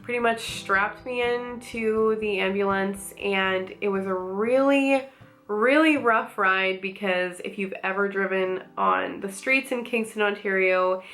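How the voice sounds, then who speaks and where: A woman's voice: mid-range voice, steady tone, unhurried, fairly bright tone. A woman telling a personal story in vlog style, articulate and matter-of-fact, with light wry understatement. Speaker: vlogger.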